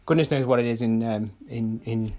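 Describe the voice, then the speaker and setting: A man co-hosting a comedy podcast, halting and stammering through his sentences with lots of fillers and laughter. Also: mid-range voice, dark tone. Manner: halting, stammering, many repeated words and fillers; breaks into laughter often. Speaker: podcast co-host.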